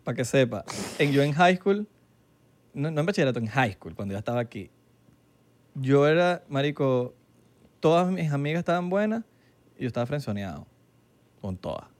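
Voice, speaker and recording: A man's voice: medium pitch, big pitch swings, moderate pace, long pauses, darkish tone. A young man with a Venezuelan Spanish accent, co-hosting a casual podcast chat and acting out quoted dialogue in a slangy, laid-back way. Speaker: podcast co-host.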